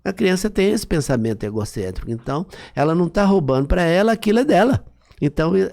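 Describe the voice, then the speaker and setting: A man with a gravelly, creaky voice and a dark, mellow tone talks as a psychologist guest on a podcast. He explains step by step like a teacher and keeps asking whether his listener follows. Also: medium pitch. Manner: didactic, often checks understanding with "entendeu?".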